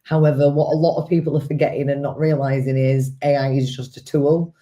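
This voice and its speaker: Very low, dark-voiced woman. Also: little pitch movement, brisk. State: croaky voice from a cold. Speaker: guest, social media business owner. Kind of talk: interview answers.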